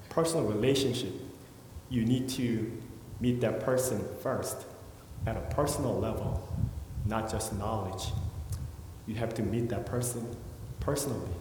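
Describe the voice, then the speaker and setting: A man in his thirties from South Korea, speaking with a Korean accent, giving an earnest, prepared personal testimony at church with brief pauses. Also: medium pitch, darkish tone, a little hiss or hum. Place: church sanctuary. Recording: long church hall reverb.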